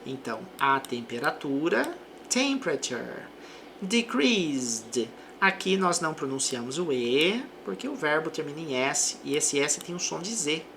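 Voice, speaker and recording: Woman, English teacher, low, lively intonation, faint background noise. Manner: reads English examples slowly, then explains quickly. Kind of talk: language lesson.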